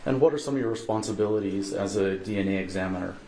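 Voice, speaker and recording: A man with a fairly low voice asks formal, polite questions as a prosecutor. It is a courtroom recording with plenty of room echo. A steady noise sits clearly behind his voice. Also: fast.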